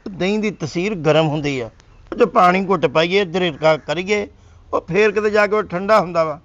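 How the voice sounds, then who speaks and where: A man's voice: sits high, normal speed, a bit bright, a little hiss or hum. A man with a Punjabi accent acting a whiny husband who keeps complaining he is sick, in a comedy sketch. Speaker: comic actor as a lazy husband. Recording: dull lo-fi sound.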